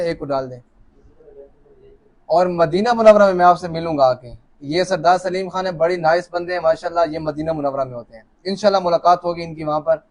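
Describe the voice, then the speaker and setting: This fairly high-pitched man is running a live lucky draw from an office, seated by himself in front of a camera. His live-stream talk is casual and chatty, full of jokes and warm hellos to viewers as he reads names aloud.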